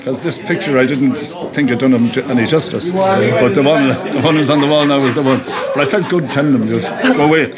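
A man shares an informal anecdote at a middling pitch. He tends to chuckle as he goes. A busy crowd chatters loudly behind him. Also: fairly quick. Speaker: bar owner, interviewee. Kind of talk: casual anecdote.

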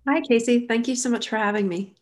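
A woman in her thirties, a design educator, chats as a guest on a podcast in a casual interview. Her voice is fairly high and she talks fast, sounding a little nasal from allergies.

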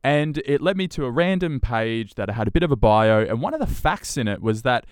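A man's voice: mid-range voice, lively intonation, fairly quick, darkish tone, clear, resonant tone, no echo, studio quality. A man hosting a podcast interview, upbeat and encouraging with his guest. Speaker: podcast host.

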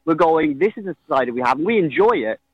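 A man with a fairly high voice in a heated debate. He sounds earnest and challenging as he presses his argument, recorded dry with little room sound. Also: animated, quick pace, breathy edge, dry recording, highs cut off. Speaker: climate activist guest.

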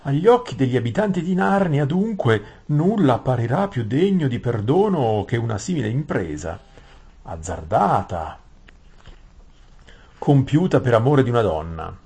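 Husky man reading an audiobook. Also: mid-range voice, very animated, normal speed, darkish tone. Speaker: audiobook reader. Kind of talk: audiobook narration.

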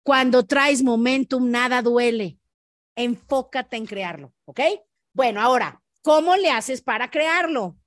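A woman's voice: a little high, no room sound, clean studio sound. A woman with a Mexican accent hosting a motivational podcast, talking straight to the listener and acting out little scenes. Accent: Mexican Spanish. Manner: animated, acts out scenarios in quick voice shifts; speaks directly to listener with frequent "¿ok?" tags. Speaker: podcast host.

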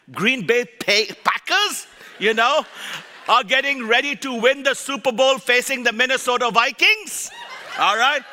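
A man from India with an Indian accent preaching in an exuberant rally-speech style, urging a church congregation on with shouted, jokey exhortations. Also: very high-pitched, slight background noise. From Calcutta, India. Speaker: guest missionary preacher. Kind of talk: rally-style church sermon, calling on the crowd to cheer. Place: large church auditorium. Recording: long hall reverb from PA speakers.

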